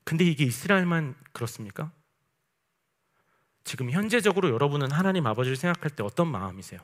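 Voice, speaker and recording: A man preaching a night sermon as pastor, emphatic and asking the congregation rhetorical questions. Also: medium pitch. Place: church service at night.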